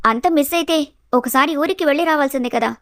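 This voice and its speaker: A woman voicing a gentle, perceptive young sister-in-law in an animated story, coaxing and concerned. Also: sits high, fast, dry recording, clean studio sound.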